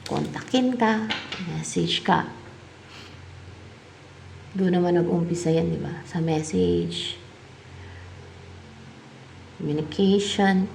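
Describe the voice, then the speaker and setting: Slow, gravelly Filipino woman reading tarot. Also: lowish voice, darkish tone, a little hiss or hum. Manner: muses aloud, asking and answering her own questions; mixes English tarot terms into her talk. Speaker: tarot reader.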